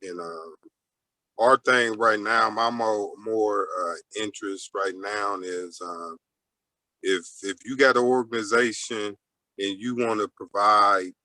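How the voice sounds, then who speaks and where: A man organizing community marches, speaking casually on a panel with many fillers and pauses. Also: on the low side, fairly even intonation, sharp tone, no echo, low-quality recording. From Ohio. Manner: filler-heavy, halting.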